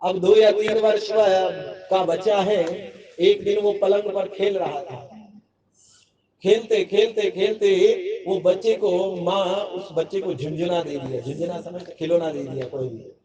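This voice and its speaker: A high-voiced man preaches and tells a story with emphatic repetition. The recording is muffled and lo-fi, and a crowd is heard in the background. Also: a little slow. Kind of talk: devotional sermon storytelling. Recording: dull lo-fi sound with a crowd behind.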